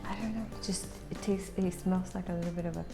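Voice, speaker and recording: Casting: female co-host, lowish pitch, gravelly fry, informal review talk, music clearly playing underneath. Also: steady tone, quick pace. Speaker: co-host of a pipe tobacco review. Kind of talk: casual review chat. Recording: music clearly heard behind the voice.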